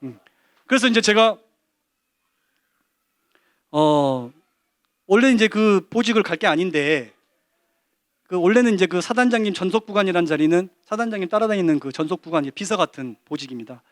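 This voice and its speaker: A man giving a lively testimony at a church service, telling an animated story full of quoted dialogue. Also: high voice, normal speed, long pauses, dry recording. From Korea.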